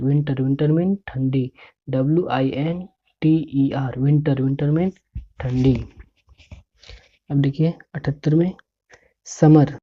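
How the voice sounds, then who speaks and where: A woman teaching English words, spelling each one out letter by letter and repeating its meaning in a slow drill. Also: low voice. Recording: dull lo-fi recording.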